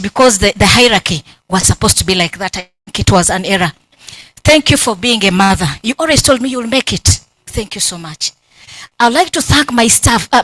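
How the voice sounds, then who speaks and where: A Ugandan woman with a Ugandan English accent, giving emotional, animated thanks at her doctoral defense and acting out remembered conversations. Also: on the high side, no echo, poor audio. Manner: emotional, grateful, animated storytelling with quoted dialogue. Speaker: PhD candidate. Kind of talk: acknowledgements at a thesis defense. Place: university hall.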